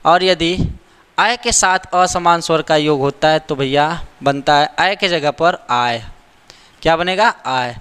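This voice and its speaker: A man's voice: a little high, a little slow, a bit bright, clear, resonant tone, long reverb tail. A man teaching a grammar lesson, repeating the rules and asking rhetorical questions to check that students follow. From India.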